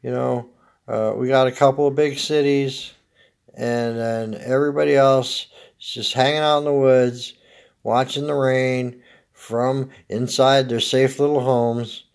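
Gravelly, slow-talking American man with smoker's rasp. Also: mid-range voice, steady tone. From Oregon, United States. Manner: rambling, dry, laid-back, swearing. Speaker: comedian podcast host. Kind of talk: casual solo comedic monologue.

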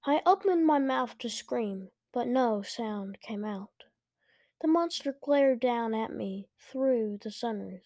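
Woman host reading a kids' book aloud; unhurried, slightly high voice, close and dry. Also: expressive, darkish tone, no room sound. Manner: slow, careful reading with small slips. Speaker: podcast host and reader.

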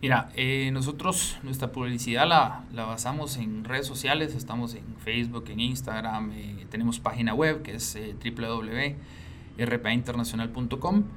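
Male guest, animated storyteller, mid-pitched, light room noise. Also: normal speed. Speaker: guest, business owner. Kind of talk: casual interview. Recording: faint ambient noise.

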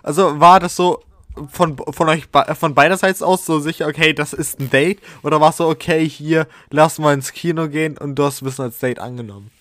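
A man co-hosts a casual podcast, teasing his friends with questions and tripping over his own restarts. His voice is a touch higher than most men's. It sounds close and dry. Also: fairly even intonation, a little fast, fairly bright tone, no echo. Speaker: podcast co-host.

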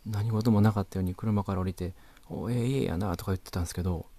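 A man's voice: sits low, little pitch movement, racing, warm tone, dry recording. A man with a Kansai accent telling a comic anecdote to a listener, chatty and exasperated, with polite asides. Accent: Kansai Japanese.

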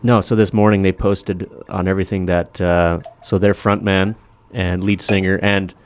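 A man's voice: deep voice, flat delivery, normal speed, clear, resonant tone. A man hosting a podcast, chatting casually, telling jokes and laughing often. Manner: laid-back, laughs often, rambling storyteller. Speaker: podcast host. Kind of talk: casual chat and joke telling.

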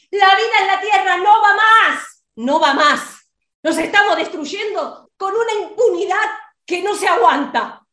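Scolding Argentine woman, very high voice. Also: pushed and bright, echoey room. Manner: scolding, indignant, preachy. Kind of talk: comic sketch rant.

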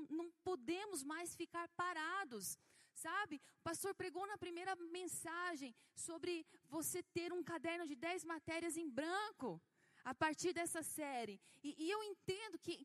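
High-voiced Brazilian woman pastor preaching. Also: fairly bright tone. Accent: Brazilian Portuguese. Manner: storytelling with acted dialogue, emphatic preaching. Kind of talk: sermon.

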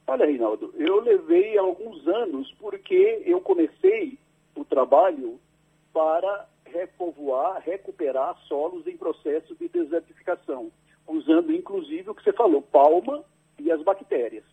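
Over a landline phone, a male agricultural researcher patiently and carefully explains his work to a radio host, often ending sentences with a questioning "right?". His high, husky voice has vocal fry and big pitch swings, he speaks unhurriedly, and the audio is narrow and tinny.

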